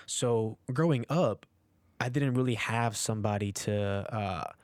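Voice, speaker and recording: A man in his early twenties, born in Peru and raised in New Jersey, speaking as a podcast guest in a measured, reflective way with frequent pauses. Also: mid-range voice, a little mellow, dry recording. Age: 20s. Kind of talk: casual interview chat.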